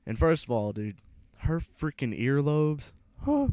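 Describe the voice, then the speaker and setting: A man's voice: on the high side, wildly swooping pitch, unhurried, darkish tone, dry recording. A young man in his late teens telling a rambling, profane school story while playing a game. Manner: casual, profane, rambling with restarts. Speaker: gaming vlogger. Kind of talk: rambling storytelling over gameplay.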